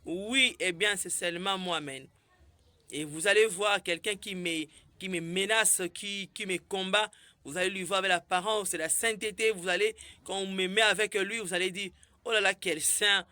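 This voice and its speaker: A woman's voice: mid-range voice, steady tone, moderate pace, sharp tone, no echo. Woman preacher, informal and exclamatory, peppers her talk with amens. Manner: exclamatory, frequent amens, shifts between French and Lingala.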